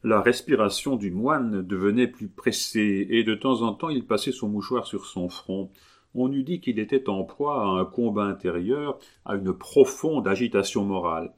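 A man reading a novel aloud in an even, unhurried way. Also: fairly low pitch. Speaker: audiobook reader. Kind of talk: audiobook narration.

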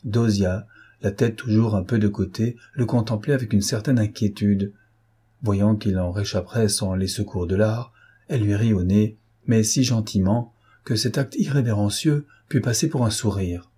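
Low, husky-voiced man narrating a novel, measured delivery. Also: dark tone. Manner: measured, storytelling.

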